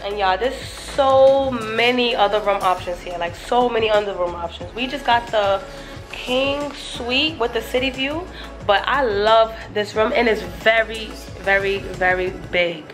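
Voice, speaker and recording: Over music and a noisy room, a woman with a fairly high voice shows viewers around a hotel suite and balcony at a measured pace. She's a co-host of a travel vlog, keeping it casual and addressing everyone as "y'all."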